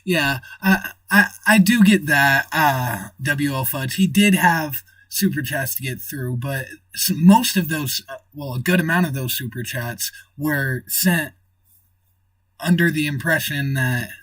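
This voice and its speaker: A man's voice: a little high, unhurried, a bit bright, dry recording, recorded from a distance. A man hosting a livestream in casual chat, rambling and thinking aloud as he reads the chat. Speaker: livestream host.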